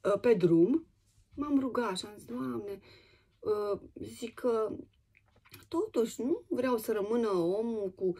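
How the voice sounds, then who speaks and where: A woman from Romania telling a personal testimony in a casual, animated way, with many fillers and restarts. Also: on the high side, breathy edge.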